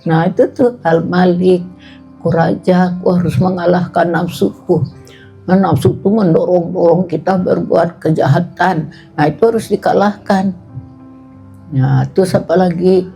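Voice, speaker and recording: A woman's voice: fairly low pitch, steady tone, moderate pace, vocal fry, dark tone, breathy edge, faint music behind. A woman giving a casual religious talk in a homely way, driving points home with repeated little fillers. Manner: homely, colloquial, repeating points with "nah" and "tuh". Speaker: religious study speaker.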